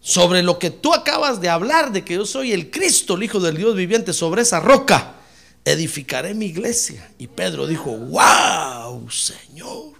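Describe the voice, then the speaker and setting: A man preaching with a high, bright voice that rises and falls freely. He is emphatic, calls his listeners brother, and swings between hushed asides and shouted praise. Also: animated, moderate pace, creaky. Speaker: pastor. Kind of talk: sermon.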